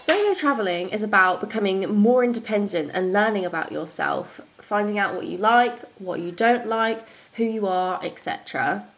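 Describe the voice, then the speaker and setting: A young woman presents a podcast in the manner of an upbeat morning show host. Her voice sits at a middle pitch. She explains things informally and conversationally. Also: animated, moderate pace, hardly any pauses, soft background music, rough recording. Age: young adult.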